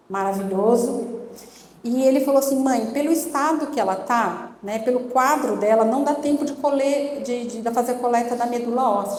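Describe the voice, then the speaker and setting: A woman's voice: on the high side, a little mellow. A middle-aged woman giving an emotional testimony as a sermon, telling her story earnestly and acting out the dialogue. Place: church conference hall. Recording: echoey church hall with faint noise.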